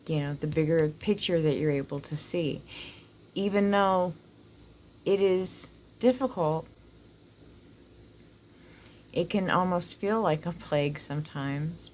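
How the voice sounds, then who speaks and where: A woman's voice: sits low, takes it slowly, pauses often, a little mellow, a little hiss or hum. A woman with a whistling s, giving a casual, rambling oracle card reading to viewers, informal and happy to swear. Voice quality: whistling s from dental work. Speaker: oracle card reader, host.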